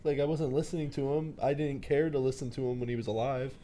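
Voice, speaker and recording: A man's voice: medium pitch, steady tone, quick pace, over a noisy crowd. A man in his twenties co-hosting a podcast, talking frankly and casually. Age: 20s. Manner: frank, conversational. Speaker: podcast co-host. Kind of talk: casual chat.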